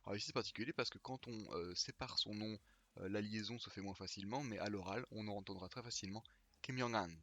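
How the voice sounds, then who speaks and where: A man hosting a pronunciation video, slowly repeating each name with care in a scripted teaching monologue. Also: on the low side, bright, forceful tone, slight background noise. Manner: slow, careful repetition of names.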